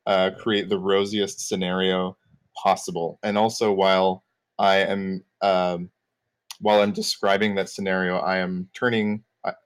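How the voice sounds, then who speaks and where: A man plays in a tabletop role-playing game. His voice is fairly low, and he talks through his moves in casual game chat. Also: flat delivery, unhurried, clear, resonant tone.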